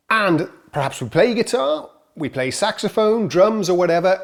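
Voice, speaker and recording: A man hosting his own music channel, talking casually to camera in a chatty, self-mocking way. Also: on the high side. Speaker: host. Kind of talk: casual presenter talk to camera.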